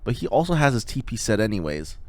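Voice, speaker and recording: Lively young man breaking down esports play. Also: lowish voice, quick pace, no room sound. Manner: lively, conversational, swears casually. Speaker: esports analyst. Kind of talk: casual game analysis commentary.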